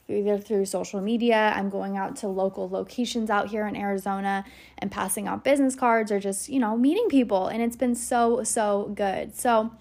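A woman working at a salon, telling a story to her viewers in a chatty vlog, with many fillers and asides. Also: fairly high pitch. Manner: chatty, fast, with many "like" and "you know" fillers; talks straight to viewers. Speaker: salon worker.

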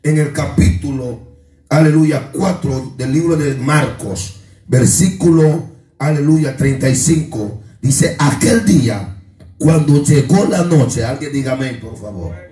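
A man preaches a sermon from a distance, his voice ringing around a roomy, echoing space while music plays softly behind. He leads the congregation in call-and-response, often rising into shouted, half-sung lines. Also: fairly high pitch, takes it slowly. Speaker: pastor. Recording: echoey room from far off, music behind.

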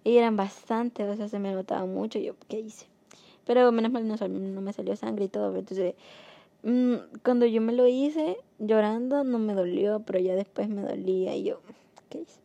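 A young woman telling a personal story in a casual, rambling way, with many fillers, mostly soft and subdued but rising when frustrated. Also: mid-range voice, normal speed, creaky, no echo. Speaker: vlogger.

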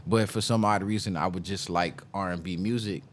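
Deep-voiced laid-back man. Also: steady tone, a little fast. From South Florida. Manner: laid-back, rambling, repeats himself. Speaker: guest musician. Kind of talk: casual interview talk.

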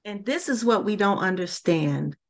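A woman's voice: medium pitch, expressive, normal speed. A woman hosting a podcast interview, thinking aloud in a reflective, conversational way. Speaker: podcast host. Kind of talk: casual interview chat.

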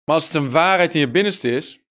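A man preaching a sermon, stressing his points by repeating them and slowing down for emphasis. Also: a little high, fairly bright tone. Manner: emphatic, repeats key phrases, slows down for stress.

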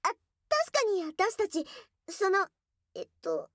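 A voice actress plays a young tsundere girlfriend in an intimate ASMR audio drama, recorded dry in a studio on a close binaural mic. Her exaggerated voice is extremely high with huge pitch swings, slow and a bit bright. Shy and hesitant yet teasingly bold, she stammers in a flustered way, with breathy asides dropping into whispers.

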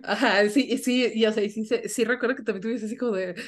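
A young woman, co-hosting a podcast and telling a family story in an animated way, laughing often and acting out voices. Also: on the high side, fast. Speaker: podcast co-host. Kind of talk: casual storytelling chat.

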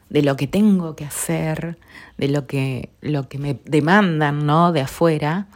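A middle-aged woman with a Rioplatense Spanish accent and a notably low voice talks in an unhurried, personal way, like a podcast host telling her own story. She is soft, earnest and heartfelt, often trailing off into a hushed near whisper.

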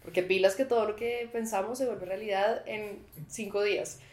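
A woman's voice: mid-range voice, steady tone, moderate pace, darkish tone. A woman with a Colombian accent talking casually and reflectively in an interview. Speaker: musician in a women's collective. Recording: echoey, reverberant room.

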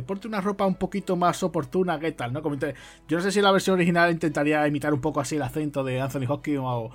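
A man, co-hosting a podcast, chatting about a film in an animated way and acting out lines from it. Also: a little high. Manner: animated, acts out film lines in quick impressions. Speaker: podcast co-host. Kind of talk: casual film discussion.

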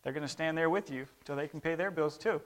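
A man in his thirties, raised in Brazil with Portuguese as his first language, gives a conversational missionary report to a church, calling for amens. His voice is a little high and his pace quick.

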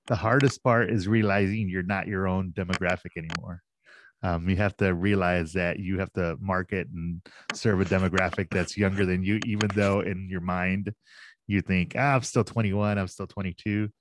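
This is a man in his forties, director of operations for a sports league, chatting casually in an interview over a noisy background. His voice sits low with fairly even intonation at a normal speed. He's easygoing and self-deprecating, and he laughs often.

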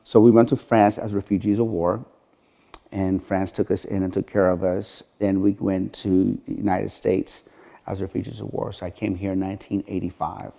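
Deep, gravelly and dark, this middle-aged man's voice barely moves in pitch as he talks at normal speed. Originally from Iran, he's a gym franchise owner on a podcast, earnestly recounting his life in an interview and filling gaps with frequent "you know"s.

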